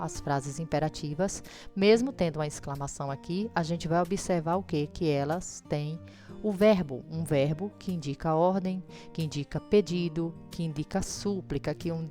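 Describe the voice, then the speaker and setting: A woman's voice: on the low side, a little mellow. A Brazilian woman teacher giving a recorded grammar lesson, explaining and checking in with her students through frequent tag questions. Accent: Brazilian Portuguese.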